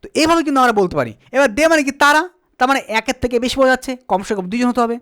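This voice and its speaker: A man's voice: very high-pitched, lively intonation, fairly bright tone. Patient male teacher quizzing himself. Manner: asks and answers his own questions; slowly spells out words letter by letter. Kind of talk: spoken English grammar lesson.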